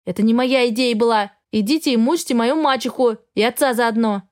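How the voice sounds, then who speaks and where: A woman's voice: a little high, a little fast, a little mellow, close to an everyday voice. A woman voicing a defiant young bride forced into marriage, stubborn and protesting.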